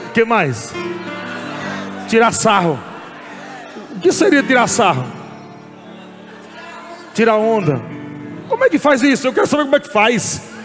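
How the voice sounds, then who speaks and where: A man preaching a sermon as pastor, animated and often shouting and laughing, at a church service. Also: very high voice, a little slow, long pauses, a crowd in the background. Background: music.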